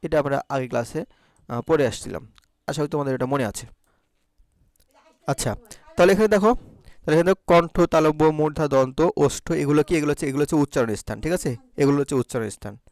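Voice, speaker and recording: A man's voice: a little high, fast, pauses often, a little mellow, no room sound. A man teaching a Bangla grammar lesson, explaining step by step and answering his own questions. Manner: keeps checking understanding with short prompts. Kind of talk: recorded exam-prep lesson.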